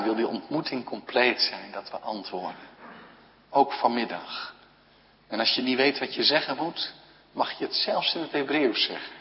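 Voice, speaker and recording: A man preaching a sermon at a slow, earnest pace, with long pauses between short phrases. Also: medium pitch. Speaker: pastor. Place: church. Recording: dull, lo-fi recording with long church reverb.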